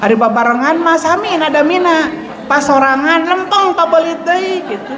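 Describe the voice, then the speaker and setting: A woman's voice: extremely high pitch, moderate pace, crowd noise. A woman religious teacher with a Sundanese accent gives a Ramadan lesson on Quran recitation, playful and laughing often. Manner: playful, laughing often, mixing in local words. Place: mosque hall. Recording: echoey mosque hall with long reverb.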